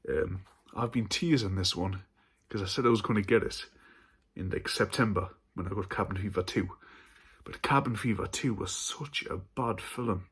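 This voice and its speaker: A man's voice: on the low side, moderate pace, a bit bright, husky. A man hosting a casual haul vlog about horror films, chatty and stumbling over his words at times. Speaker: horror film channel host.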